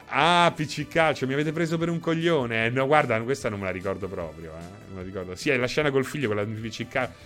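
A man's voice: medium pitch, fast, hardly any pauses, a bit bright, soft background music. A man chatting casually on a live stream, reading out viewers' names, laughing often.

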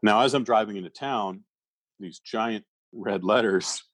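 Husky-voiced male comic from Canada, animated storyteller, dry close sound. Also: fairly low pitch, measured pace, dry recording. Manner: animated, laughs through his own story. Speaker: comedian guest. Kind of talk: casual storytelling.

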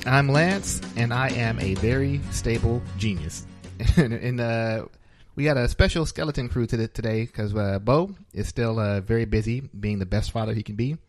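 A man's voice: mid-range voice, moderate pace, few pauses, faint music behind. A man hosting a podcast in a small studio, chatting casually, joking and laughing often. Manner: jokey, laughs often, loose filler-heavy talk. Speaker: podcast host.

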